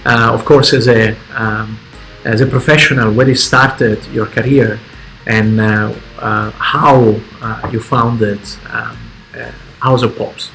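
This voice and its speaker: A man hosting a podcast interview, asking long questions with many pauses and fillers that trail off quietly. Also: mid-range voice, fairly even intonation, vocal fry, faint music behind, rough recording. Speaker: podcast host.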